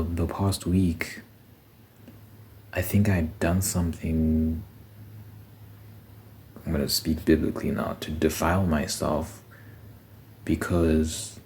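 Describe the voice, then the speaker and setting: A vlogger thinks aloud in short phrases during a casual, reflective personal monologue, his low voice a little mellow. Noticeable background noise is present in the recording.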